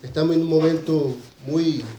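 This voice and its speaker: A man with a Brazilian Portuguese accent and native Portuguese gives a conference presentation in a halting mix of Spanish and Portuguese, repeating and rebuilding his words. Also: a little high, steady tone, dark tone, dull audio. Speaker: conference speaker for an agroecology movement. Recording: roomy echo, faint background noise.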